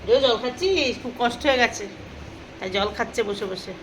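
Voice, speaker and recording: A woman talks to her dogs in coaxing, sing-song baby talk. Her voice sits high. The home recording is noisy, with dogs heard around her. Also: expressive, fairly quick. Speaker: pet owner. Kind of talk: casual home vlog, talking to pets.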